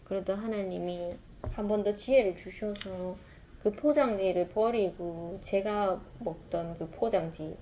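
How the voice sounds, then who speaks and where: A woman recounts her own story with a mellow, relaxed voice at an ordinary pitch. She speaks in a reflective, confessional way, circling back with fillers and restarts. Faint noise sits behind her. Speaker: mother sharing a testimony.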